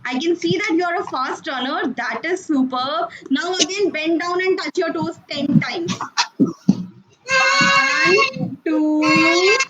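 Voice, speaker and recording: High-voiced woman teaching kids online. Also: normal speed, few pauses. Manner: encouraging, coaxing, praises often. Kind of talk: online class for children. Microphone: video call. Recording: dull video-call audio with noise.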